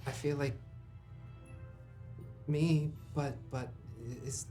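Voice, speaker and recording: Halting game master over background music. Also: mid-range voice, steady tone, warm tone. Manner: halting, thinking aloud. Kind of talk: improvised tabletop game narration.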